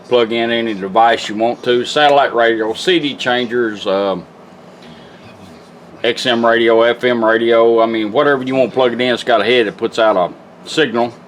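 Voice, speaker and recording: A middle-aged car radio restorer gives a casual, plainspoken product demonstration at a workshop bench, folksy like a repairman. His voice is medium-pitched at a moderate pace. Music plays from the radio being demonstrated, and there's a little hiss or hum.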